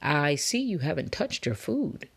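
A woman's voice: low voice, big pitch swings, unhurried, vocal fry, breathy edge, exaggerated voice. A woman voicing a sly, smug male fox who speaks with false politeness, in a read-aloud storybook.

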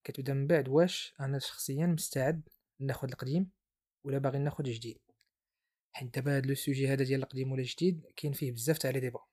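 A man's voice: mid-range voice, fairly even intonation, racing, darkish tone. A man with a Moroccan Arabic accent hosting an informal explainer podcast, mixing French terms into his speech. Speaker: podcast host.

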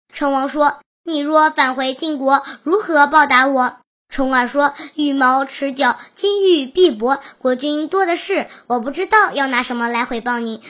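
A woman with a high, light voice reads an old history tale aloud. She goes first through the classical text and then the modern version. Her delivery stays even and measured, like a storybook reading. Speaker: reader.

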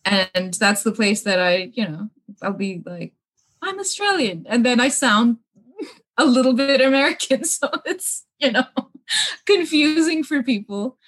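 Her voice is a little high and a bit bright, and she keeps a measured pace. This young Kuwaiti woman, with a mixed accent that's hard to place, laughs often and uses many fillers while chatting as an interview guest in a bungalow room with books at her parents' home.

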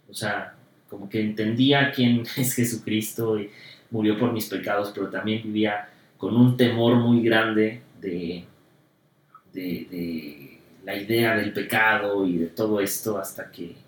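Low-voiced man, reflective and hesitant. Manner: reflective, hesitant, many fillers. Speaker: interviewer. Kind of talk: casual conversation about faith. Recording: roomy echo, distant mic.

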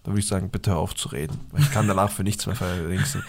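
A man's voice: deep voice, fairly even intonation, fast talker, slight background noise. A man hosting a casual chat, teasing his guest in blunt, crude banter.

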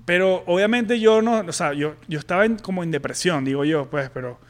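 A young man with a Venezuelan accent candidly telling a personal story on a podcast, halting and full of slang. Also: sits high. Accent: Venezuelan Spanish. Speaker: podcast co-host.

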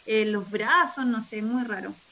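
A woman's voice: on the high side, measured pace. A young woman with a Chilean accent, chatting casually as a podcast co-host, full of slang and swearing. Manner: slangy, swears freely, animated storytelling. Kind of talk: casual chat.

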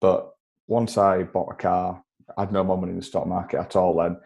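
Podcast guest: Yorkshire man in his twenties, deep mellow voice, chatty and self-deprecating. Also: level tone, brisk, gravelly. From Yorkshire, England. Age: 20s. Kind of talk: casual interview chat.

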